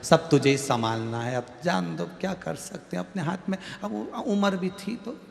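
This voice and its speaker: A man voicing a rich merchant's grown son who whines in a low voice, in an echoey hall with soft music. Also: normal speed, gravelly. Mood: whining. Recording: echoey hall with long reverb, faint music.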